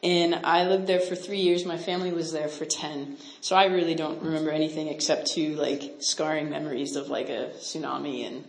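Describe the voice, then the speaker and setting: With a low-pitched, fairly even voice at normal speed and hardly any pauses, a Canadian missionary woman leads a casual Bible lesson. Chatty and full of "like" and "right?" asides, she quizzes her audience. The room's echo is noticeable.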